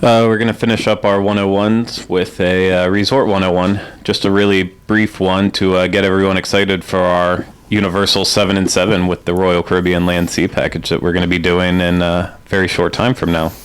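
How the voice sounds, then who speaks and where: A man co-hosting a casual podcast, with dry, deadpan humor. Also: low-pitched, a little fast, hardly any pauses, smooth. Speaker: podcast co-host.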